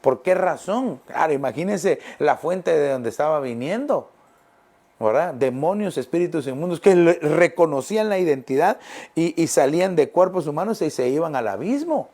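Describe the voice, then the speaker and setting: A middle-aged male pastor preaching a sermon, emphatic, repeating phrases and slowing down on key words. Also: on the high side, lively intonation, dark tone.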